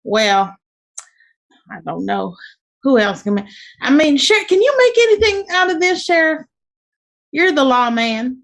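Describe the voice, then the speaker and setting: A woman plays a superstitious frontier townswoman in a Western tale. Her high voice is plain-spoken and folksy, full of homespun exclamations. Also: big pitch swings, a little slow, long pauses, heavily acted. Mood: wary, folksy. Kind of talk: improvised Western role-play.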